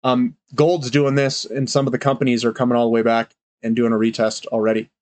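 A man's voice: medium pitch, flat delivery, a little fast, a little mellow, no echo. A man, congested from a cold, giving casual, rambling market commentary as the host of a finance channel. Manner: loose, rambling, with frequent fillers.

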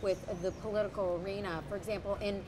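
Woman, young adult, interviewer, enthusiastic, affirming, mid pitch, outdoor traffic noise. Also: little pitch movement, fast talker. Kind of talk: interview questions. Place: outdoor patio of a city building. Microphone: camera mic, seated.

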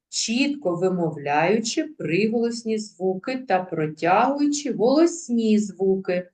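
Woman, primary school teacher, video lesson, slow delivery, words sounded out by syllable. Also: mid-range voice, darkish tone. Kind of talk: video lesson for young pupils.

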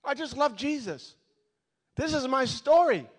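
A middle-aged man preaching a sermon as a pastor, telling his testimony with passion and rising to shouts. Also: very high voice, animated, measured pace. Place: church sanctuary.

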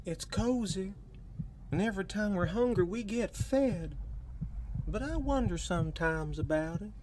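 Slow, innocent unborn twin boy, high-voiced. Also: lively intonation, background noise. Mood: dreamy wonder. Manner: simple, childlike, wondering, slow-speaking. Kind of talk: short film drama dialogue.

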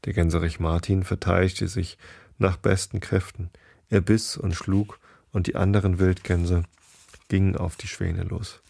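A man hosting a podcast, reading a bedtime story aloud slowly and evenly, with small slips. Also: low-pitched, level tone, vocal fry, darkish tone, no room sound.

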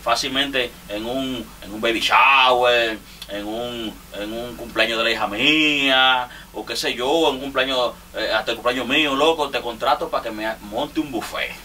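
A man roasts fellow artists in jest, his rambling, teasing monologue punctuated by frequent laughter and marked by a Dominican Spanish accent. He talks at a moderate pace in a mid-range voice that sounds pushed and bright, recorded on a distant mic with faint ambience and slight background noise.

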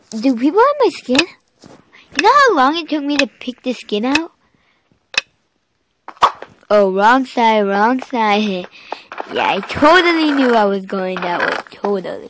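Slow, chatty female game streamer. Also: a little high, noisy background. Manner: chatty, excitable, gasping and exclaiming. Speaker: gaming channel host. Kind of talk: let's-play game commentary.

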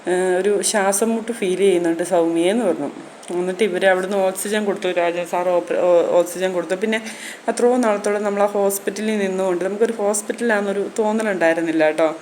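A woman's voice: medium pitch, a little mellow, a little hiss or hum. A woman vlogger and mother telling her own story in a chatty way, often turning to the viewers with "you know". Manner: conversational, frequent tag "keto" addressing listeners.

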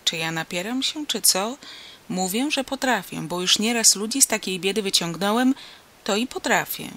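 A reader voices an earnest village healer, a man who presses his case insistently and persuasively. The voice is bright and forward. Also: mid-range voice, lively intonation, normal speed.

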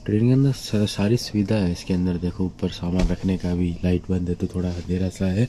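A man's voice: deep voice, a little fast, a little hiss or hum. A young man from India chatting casually to his camera from a train sleeper berth, held at arm's length. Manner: relaxed, chatty, talking to camera. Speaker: travel vlogger. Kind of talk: casual vlog narration. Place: sleeper compartment of a moving train. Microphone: handheld camera at arm's length.

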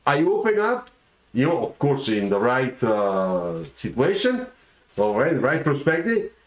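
Middle-aged man, lively pitch, slightly high, webcam in a reverberant home studio. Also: a little slow. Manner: animated, gestures a lot, keeps asking "okay?". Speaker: car designer giving career advice. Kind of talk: livestreamed talk to viewers. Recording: roomy echoey room sound.

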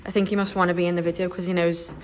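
A young woman from Liverpool, a nail salon owner, chatting excitedly with lots of fillers as she films a walkthrough of her salon under renovation on her phone. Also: lowish voice, racing, slight background noise. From Liverpool, England. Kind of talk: walkthrough vlog.

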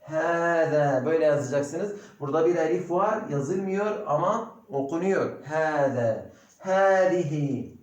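A man with a Turkish accent and a fairly high voice teaches a recorded lesson, repeating words slowly and patiently. His voice rings through a very echoey room. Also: highs cut off. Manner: slow, repetitive drilling of pronunciation. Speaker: Arabic teacher.

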